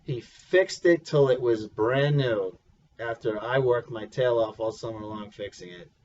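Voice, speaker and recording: Slow-talking man telling a family story. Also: mid-range voice, a little mellow. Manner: chuckling, halting, with many restarts. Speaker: vlogger. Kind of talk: casual personal storytelling. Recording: dull lo-fi recording.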